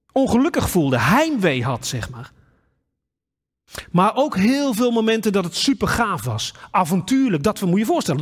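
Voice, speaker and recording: Man preaching, high voice, very lively pitch, long church echo, reads scripture. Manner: personal storytelling, then reading scripture aloud. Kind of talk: sermon with Bible reading.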